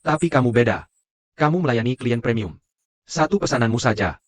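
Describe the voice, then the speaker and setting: A man dubs a businessman and boss who talks curtly. His voice is of medium pitch, and the sound is dry. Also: lively intonation, fairly quick, no echo, close to an everyday voice. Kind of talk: Indonesian dub of a drama series.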